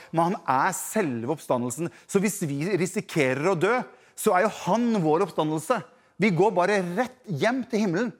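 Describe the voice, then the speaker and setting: A man preaching a sermon who addresses the congregation directly, swinging between loud emphasis and hushed passages. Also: high voice.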